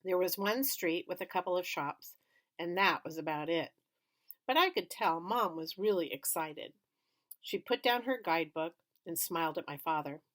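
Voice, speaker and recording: A woman reading a children's novel aloud in plain, steady first-person narration. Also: lowish voice, moderate pace. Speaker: reader.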